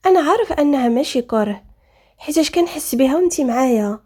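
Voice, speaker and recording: Devoted young husband as a woman reads him, Moroccan accent, soft tender delivery, high voice, mellow tone, storybook reading. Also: expressive, quick pace. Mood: earnest. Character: caring devoted young husband, gentle and reassuring.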